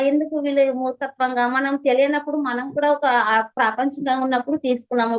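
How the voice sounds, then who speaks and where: A woman's voice: high voice, poor audio. A woman with a Telangana Telugu accent, earnestly sharing her meditation experience with an interviewer in a fervent, preachy way. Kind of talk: personal testimony to an interviewer.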